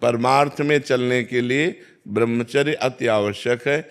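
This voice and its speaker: A man delivers a devotional discourse in a calm, measured voice at an ordinary mid pitch. He speaks as a spiritual teacher, instructing firmly and quoting scripture now and then. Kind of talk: devotional discourse answering questions.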